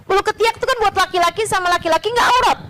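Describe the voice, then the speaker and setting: A woman's voice: extremely high pitch, slight background noise, voice pushed up. A woman voicing a defiant old sheikh. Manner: forceful, lecturing, rapid retorts. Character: bold, defiant old sheikh standing his ground.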